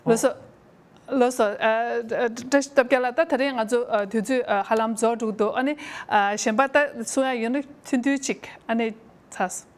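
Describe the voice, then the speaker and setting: Brief: female broadcast interviewer, slightly high voice, probing questions. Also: a little slow.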